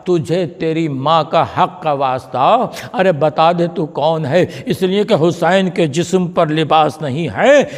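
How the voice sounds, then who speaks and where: A man's voice: fairly high pitch, few pauses. A male cleric reciting a mournful sermon, drawing out lines in grief. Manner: stretched, wailing delivery of grief narration. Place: mosque hall. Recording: long reverb of a large hall.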